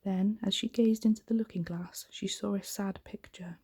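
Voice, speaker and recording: This is a woman's bedtime story told in unhurried, gentle ASMR fashion, breathy and soft-spoken, frequently close to whispering. Her pitch is medium and her intonation stays fairly even.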